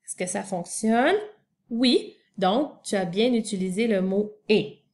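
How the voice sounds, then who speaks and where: Slow-speaking woman teacher spelling words. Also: medium pitch, darkish tone. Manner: spells words out letter by letter, talks directly to the child. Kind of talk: spelling lesson for young children.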